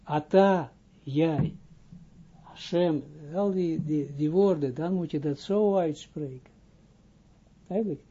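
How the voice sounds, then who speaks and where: A rabbi giving an informal spoken lesson, a man who talks haltingly, restarts his phrases and keeps asking whether he is understood. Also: on the high side, warm tone, breathy edge, dull audio. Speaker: rabbi teaching Kabbalah.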